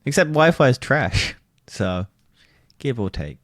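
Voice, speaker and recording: A man's voice: medium pitch, lively intonation, measured pace, no echo, studio quality. A man co-hosting a casual podcast, rambling, swearing and laughing as he goes. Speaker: podcast co-host. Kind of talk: casual chat.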